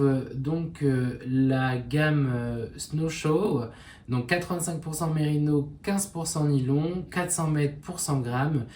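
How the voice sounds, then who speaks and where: A woman presenting in a casual knitting vlog, conversational and unhurried, pausing often and correcting herself. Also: a bass voice, darkish tone. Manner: conversational, unhurried, with frequent pauses and self-corrections. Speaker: knitting vlogger. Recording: roomy echo with faint background noise.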